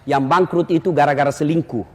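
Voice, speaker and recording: A preacher with a high male voice delivers a lively, joking sermon. He breaks into sudden shouts for comic effect. His voice carries through a reverberant hall over a faint bed of ambience. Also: brisk, background noise. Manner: joking, animated, bursts into shouts. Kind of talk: humorous sermon.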